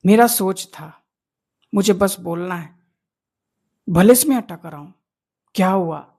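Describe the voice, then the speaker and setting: A man's voice: high voice, slow pace, a little mellow. A man who makes videos, coaching viewers in an earnest motivational talk that repeats key points and asks rhetorical questions. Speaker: video creator coaching on fluent speaking.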